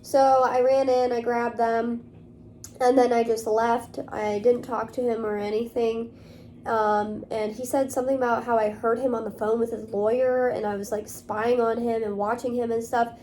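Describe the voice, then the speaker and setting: A woman's voice: on the high side, level tone, moderate pace, mellow, a little hiss or hum. Rambling young woman, lots of fillers. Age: young adult. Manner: rambling, filler-heavy, many "like" and "um". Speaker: vlogger. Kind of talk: casual talk to camera.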